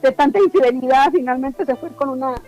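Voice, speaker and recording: A woman's voice: high voice, fairly quick, dark tone, soft background music, rough recording. A woman giving a fervent, emotional faith testimony to a church congregation, often repeating her words.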